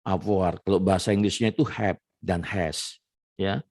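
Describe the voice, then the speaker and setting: A man teaching a relaxed classroom lesson, explaining step by step and dropping frequent "ya" and "nah" fillers. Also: low-pitched, dry recording, studio quality. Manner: explains slowly, peppers phrases with "ya" and "nah". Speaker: French teacher.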